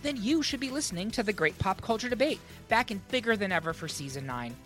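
Woman announcer, peppy promo read, soft music underneath. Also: mid-range voice, expressive, fast.

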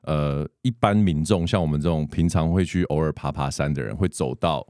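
A man's voice: very deep voice, fairly quick, darkish tone, clean tone, no echo, clean studio sound. A man with a Taiwanese Mandarin accent, hosting a podcast in a conversational way. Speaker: podcast host. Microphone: close podcast microphone with headphones.

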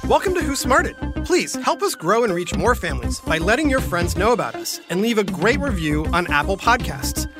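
A woman narrates a children's science podcast in a playful, theatrical way. Her mid-range voice is highly animated, with music clearly underneath. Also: brisk, few pauses. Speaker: host and narrator. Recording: music behind.

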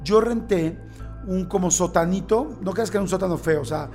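Man, Mexican accent, fairly high voice, chatty host, faint music underneath. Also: normal speed. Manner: expressive, exclaiming reactions. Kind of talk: casual conversation.

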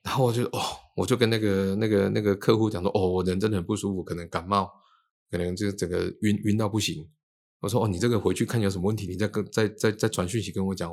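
A man, a feng shui teacher telling stories in casual chat and acting out the quoted dialogue. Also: fairly low pitch. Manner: animated, acts out quoted dialogue.

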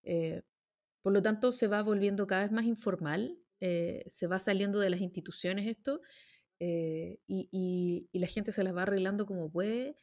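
A woman's voice: medium pitch, normal speed, a little mellow. A woman with a Chilean accent, commenting emphatically on politics in a panel discussion, with many fillers and restarts. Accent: Chilean Spanish.

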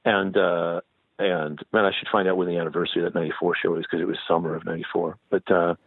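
Low-pitched and fairly flat, with a breathy edge, a middle-aged touring musician talks fast as a guest on a phone interview. The line is dry and tinny with no echo, and his rambling answers keep getting tagged with "right?".

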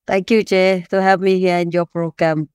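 A woman from Thailand with a Thai accent, answering interview questions as an activist in halting, non-fluent English. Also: on the low side, flat delivery, a little mellow, smooth, no echo, clean studio sound. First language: not English. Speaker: animal rights activist, interview guest.

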